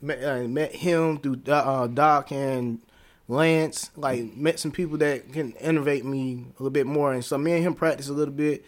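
A laid-back man talks loosely, full of "uh"s and street slang. His voice sits at an ordinary middle pitch, and he speaks in a relaxed, unhurried way. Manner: relaxed, rambling, many fillers and slang. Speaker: dancer, interview guest. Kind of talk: casual conversation.

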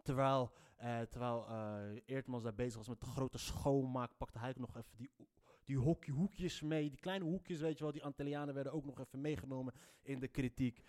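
A man's voice: mid-range voice, steady tone, moderate pace, a little mellow. A man giving an opinionated podcast monologue. He talks in a heated, emphatic way and keeps restarting his sentences. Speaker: podcast host.

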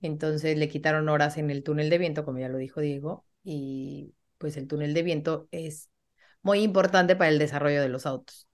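A woman hosting a podcast in casual chat, explaining things for listeners in a measured way with "eh" and "pues" fillers. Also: sits low, steady tone. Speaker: podcast host.

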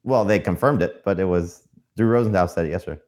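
A man's voice: low-pitched, fast talker, darkish tone. A man with an American accent speaking casually as a panelist on a podcast. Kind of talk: casual chat.

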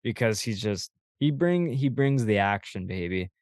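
A young man co-hosting a podcast, rambling and excitable in casual sports chat, swearing freely. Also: lowish voice, moderate pace, dry recording, studio quality. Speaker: podcast co-host.

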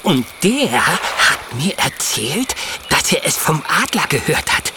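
A man's voice: fairly high pitch, sing-song, takes it slowly, heavily acted. An actor playing a friendly, long-winded male beaver in a children's audio drama, rambling on as he tells a story. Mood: gossipy. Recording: audible background noise.

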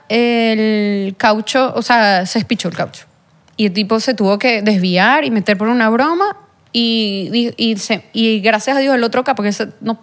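A young adult woman, a podcast guest who tells a personal story in an earnest, halting way, full of fillers and restarts. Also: a little high. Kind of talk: personal testimony in a podcast interview.

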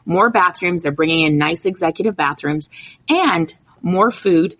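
A woman softball analyst on a sports talk show, chatty and enthusiastic. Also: fairly low pitch, expressive, unhurried, rough recording.

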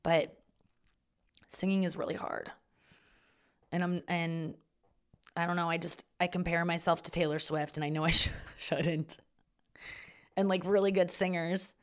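A woman talking casually on a solo podcast with vocal fry from the back of her throat, rambling and self-deprecating, with casual swearing. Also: on the low side, little pitch movement, unhurried, long pauses. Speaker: podcast host and comedian.

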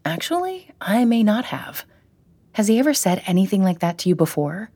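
A woman voicing a friendly, reassuring young male care-home worker who talks briskly. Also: medium pitch, sing-song, mellow, slightly rough.

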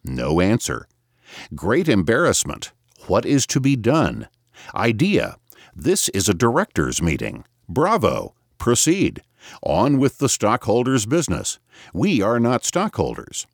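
A man voicing an impudent, scornful old moneylender who calls out in a high, mocking voice, read as an audiobook. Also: huge pitch swings, unhurried, hardly any pauses, no echo, studio quality, full character voice. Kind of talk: audiobook reading.

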